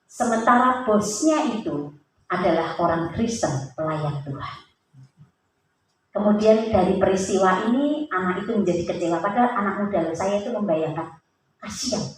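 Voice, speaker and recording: A woman's voice: medium pitch, lively intonation, moderate pace, distant mic. Woman preaching in an echoey hall. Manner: earnest storytelling with questions put to the listeners. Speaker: church speaker giving a testimony. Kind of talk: sermon testimony to a congregation. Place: church hall. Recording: very echoey hall, voice off-mic, faint hiss.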